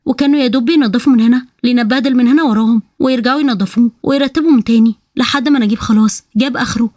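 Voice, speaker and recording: Fast-talking Egyptian storyteller woman. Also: on the high side, a little mellow, no room sound, clean studio sound. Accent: Egyptian Arabic. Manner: indignant, opinionated asides. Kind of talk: storytelling with commentary.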